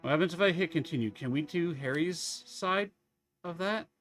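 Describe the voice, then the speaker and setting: A man's voice: fairly high pitch, moderate pace, a bit bright, faint music behind. A man giving casual live commentary as he streams a game.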